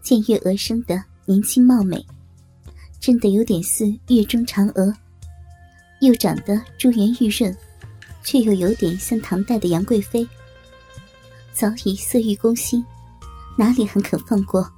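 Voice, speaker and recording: Soft, breathy woman storyteller. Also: medium pitch, a little slow, long pauses, faint music behind. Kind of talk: scripted narration of a historical tale.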